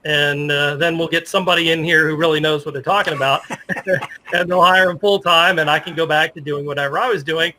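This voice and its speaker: Over a rough recording with a little hiss or hum, a middle-aged American man speaks briskly in a slightly high, steady, sharp-toned voice. As a sports journalist guesting on a casual interview, he chats and recalls old anecdotes.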